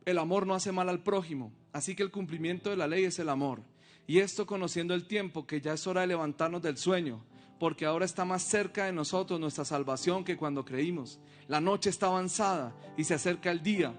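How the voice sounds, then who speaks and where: A male pastor preaching a sermon, reading scripture aloud and asking the congregation rhetorical questions. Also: high voice.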